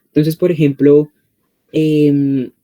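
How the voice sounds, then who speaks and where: Bright-voiced Colombian man teaching online. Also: a little high, level tone, slow. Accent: Colombian Spanish. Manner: conversational, frequent check-in questions. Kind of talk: online exam-prep class.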